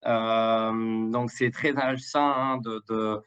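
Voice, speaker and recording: A slow, low-leaning male voice with fairly even intonation and a smooth, fairly bright tone, the highs cut off. He's an international development director guesting on a live interview, a Mexican native Spanish speaker whose accent carries Québécois French, talking hesitantly with frequent fillers and repeated words.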